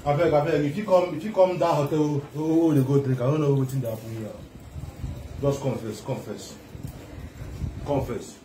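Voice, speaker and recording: A man with a Nigerian Pidgin accent playing an agitated young man who was poisoned, shouting in a comedy skit. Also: a little high, fairly even intonation, normal speed, long pauses, reverberant, noisy background, lightly acted. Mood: accusing. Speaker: actor. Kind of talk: Nollywood comedy skit acting.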